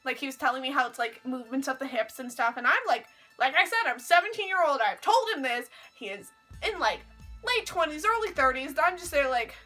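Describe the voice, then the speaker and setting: A young woman, telling a story to camera in a chatty, animated way and saying "like" a lot. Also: high voice, fairly quick, faint music behind, rough recording. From Canada. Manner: chatty, heavy use of "like", animated retelling. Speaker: vlogger. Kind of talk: casual storytelling.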